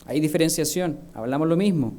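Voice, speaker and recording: A man's voice: on the high side, fairly quick, warm tone. A male minister with a Chilean Spanish accent, preaching a sermon full of rhetorical questions. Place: church.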